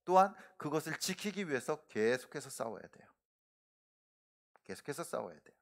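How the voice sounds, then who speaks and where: A middle-aged male pastor preaching in a church sanctuary. His voice sits fairly high and rises and falls a great deal, climbing hard on key words and trailing softly at the ends of sentences. The delivery is earnest and emphatic. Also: sing-song, moderate pace, creaky. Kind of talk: sermon.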